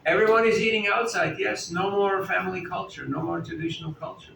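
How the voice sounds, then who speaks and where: A spiritual teacher with a high, gravelly, slightly bright voice speaks fairly quickly and with fairly even intonation. His sermon is chatty and conversational, full of questions and jokes for the live audience in an indoor festival hall. The distant mic picks up hall echo and faint room noise.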